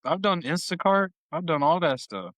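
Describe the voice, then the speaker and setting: A young man co-hosting a casual podcast, telling animated stories and giving playful shout-outs. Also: fairly high pitch, normal speed, no room sound, rough recording. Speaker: podcast co-host.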